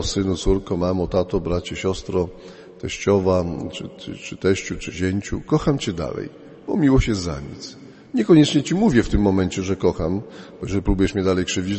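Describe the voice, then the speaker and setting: A man preaching a sermon as a priest, slow and emphatic, his voice rising and falling in pitch and loudness. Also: in a large hall.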